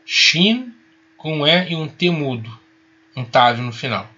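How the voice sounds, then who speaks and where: A man teaching a Hebrew lesson, patient and reassuring, spelling out each sound slowly. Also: on the high side, sing-song, bright, forceful tone, husky, lo-fi sound. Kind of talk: recorded online lesson.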